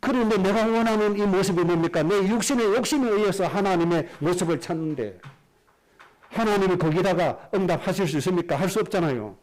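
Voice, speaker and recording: A man preaching a Sunday sermon as a pastor, asking the congregation rhetorical questions and dropping low at the ends of phrases. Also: darkish tone, rough recording. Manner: slows down and drops low at the end of phrases.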